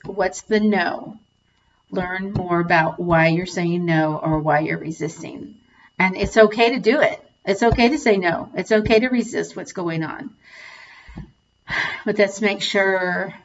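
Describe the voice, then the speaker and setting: A middle-aged woman talks slowly through a guided tapping session, mixing personal stories with easy laughter. Her voice sits at a medium pitch. The recording sounds dull and lo-fi. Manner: chatty, laughs often, slow and reflective.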